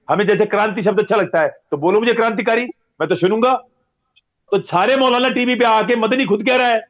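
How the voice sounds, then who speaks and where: Man, high voice, forceful and repetitive, heated interview answer, lo-fi sound. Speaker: religious guest. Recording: dull lo-fi audio.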